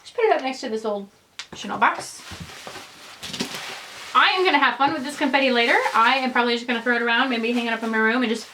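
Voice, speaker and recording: A young woman vlogger chatting casually and excitedly through an unboxing, rambling as she goes. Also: fairly high pitch, fast, pauses often, a little hiss or hum, rough recording. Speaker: fashion vlogger.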